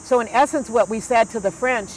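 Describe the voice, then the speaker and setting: Speaking fairly quickly in a fairly high voice, a sixty-something American woman, an Ojibwe elder and guest, shares stories in conversation, heartfelt and earnest yet full of fillers and restarts. The audio is poor, with slight background noise.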